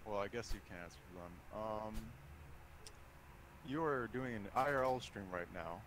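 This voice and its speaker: A young man streaming on a headset, talking in a halting, measured way through a tense conversation. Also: on the low side, fairly bright tone. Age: young adult. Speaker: livestreamer. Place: small plain indoor room. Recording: faint background noise.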